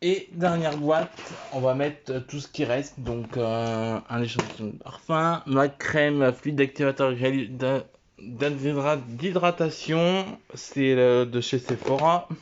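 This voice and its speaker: A man casually showing and naming his items one by one, talking haltingly with many fillers and restarts. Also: mid-range voice, dull audio, a little hiss or hum. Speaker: vlogger. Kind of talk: casual show-and-tell.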